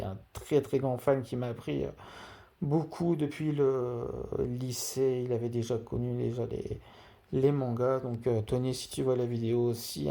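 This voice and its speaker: This amateur streamer's voice is medium-pitched, gravelly and warm, with a lisp that makes his s and sh sounds slushy. He commentates a football video game live, dedicates it to a friend, and keeps repeating key words for emphasis.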